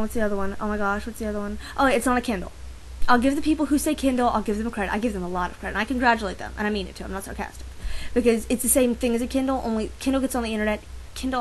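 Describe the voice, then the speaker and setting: A teenage girl vlogging into her camera with a fairly high voice. She rambles and rants with a sarcastic edge, breaking off and restarting her thoughts as she goes. Her talk stays casual and loose. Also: a little hiss or hum, rough recording. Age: teens. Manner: sarcastic, rambling, self-interrupting. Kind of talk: casual ranting vlog.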